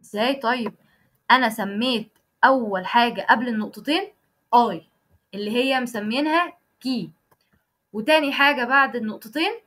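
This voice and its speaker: Her voice is on the high side and a bit bright as this young instructor, with an Egyptian Arabic accent, leads a live online programming class. She explains every step, stops often to make sure students keep up, and corrects herself mid-sentence while typing code.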